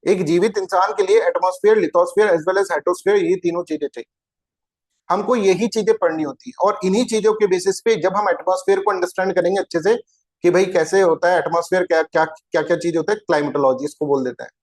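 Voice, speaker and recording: A man's voice: sits high, fairly even intonation, a little fast. A man teaching an exam-prep geography lecture, chatty and informal, who keeps asking his students rhetorical questions.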